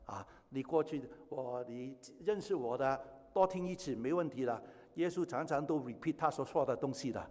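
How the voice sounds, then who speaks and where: A man's voice: mid-range voice, normal speed, few pauses, a little mellow. A man in his seventies from Hong Kong, preaching a sermon as pastor, with emphatic rising stretches and chatty personal asides. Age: 70s. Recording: echoey hall with long reverb.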